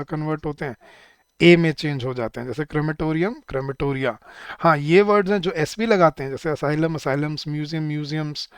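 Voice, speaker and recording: Guy doing a grammar class, smooth clear voice, dry sound, asks students stuff. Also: fairly high pitch, dry recording. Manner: lists word pairs, quizzes students, calls them guys. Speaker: English teacher. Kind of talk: online exam-prep grammar lesson.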